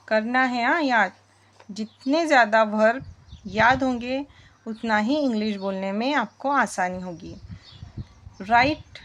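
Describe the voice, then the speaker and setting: A woman teaching spoken English, repeating sentences word by word and quizzing her viewers. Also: on the high side.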